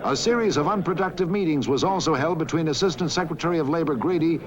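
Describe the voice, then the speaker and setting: A man narrating a scripted historical newsreel documentary in a measured, authoritative way. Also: on the high side, a crowd in the background. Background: background music.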